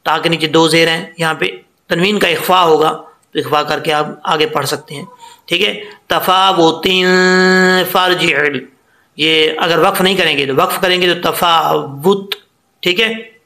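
A man's voice: on the high side, fairly even intonation, a little slow, vocal fry, bright, forceful tone, reverberant. A man teaching Quran recitation rules, patiently explaining each letter and drawing out the example words to demonstrate them. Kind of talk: tajweed lesson.

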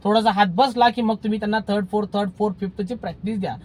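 A man talks straight to his viewers as a driving instructor, his voice sitting high for a man. He speaks earnestly and keeps circling back to the same pleading advice in a casual, conversational way. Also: steady tone, very fast, darkish tone.

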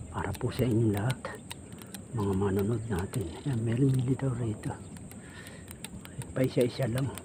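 A Filipino man vlogging while hunting fish alone from a boat, murmuring quietly as he stalks and speaking up when he moves spots. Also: medium pitch, fairly even intonation, slow, long pauses. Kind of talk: casual vlog commentary. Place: outdoors on a boat on a weedy lake. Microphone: action camera. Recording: outdoor ambience noise, wind.

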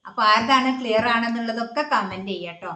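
A woman's voice: fairly high pitch, fast talker, bright, forceful tone. A woman hosting a home vlog in casual chat, explaining the game's rules in a chatty way. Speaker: vlog host. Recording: roomy echo.

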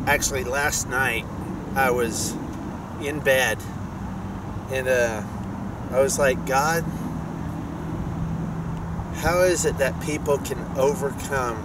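A middle-aged man, vlogging by a park pond, talking slowly with many pauses and restarts. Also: medium pitch. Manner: slow, halting, many "uh"s and restarts. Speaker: fishing vlogger. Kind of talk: casual outdoor vlog. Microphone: camera on a stand, then head-mounted camera. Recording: outdoor noise behind the voice.

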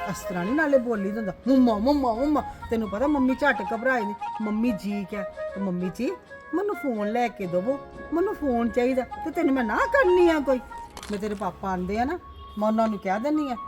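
A woman playing a patient mother gently coaxing her daughter in a family drama. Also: on the high side, close to an everyday voice. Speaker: actor.

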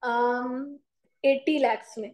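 A woman commerce teacher giving a classroom lecture with an Indian accent, slowly dictating notes and asking her students questions. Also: high-pitched, steady tone, darkish tone, reverberant, poor audio. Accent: Indian English mixed with Hindi.

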